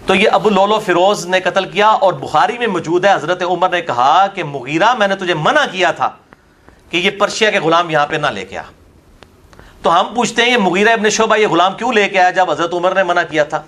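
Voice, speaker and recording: A man's voice: high voice, animated, a bit bright. A man as an interview guest, arguing a religious point in a combative, scornful way with pointed rhetorical questions. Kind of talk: heated religious debate talk.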